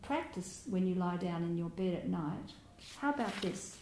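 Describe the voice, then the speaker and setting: A woman giving a Buddhist dharma talk as a meditation teacher, speaking gently and reflectively, with soft laughs and small hesitations. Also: fairly low pitch, animated, normal speed. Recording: roomy hall with faint background noise.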